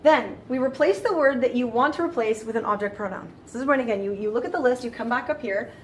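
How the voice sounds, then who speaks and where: A woman with a slightly high voice teaches in a loose, conversational way. She often restarts her phrases as she walks through each step. A faint hum of room ambience sits behind her. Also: fast talker. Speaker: French teacher. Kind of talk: casual explanatory lesson.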